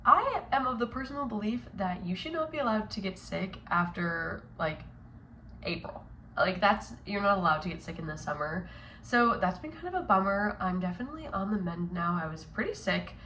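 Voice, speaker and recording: A woman's voice: mid-range voice, sing-song, normal speed, a bit bright, slight background noise. A young woman vlogging casually about her makeup while sick, chatty and upbeat with plenty of fillers. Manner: chatty, upbeat, lots of likes and ums. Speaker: beauty vlogger. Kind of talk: casual vlog chat.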